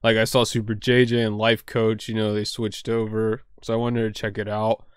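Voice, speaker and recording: Speaking at a moderate pace with little pitch movement, this young card game creator has a lowish, clear, resonant voice. He talks casually to camera at home, rambling, leaning on fillers and "like," and making self-deprecating jokes. The sound is clean studio audio with no room sound.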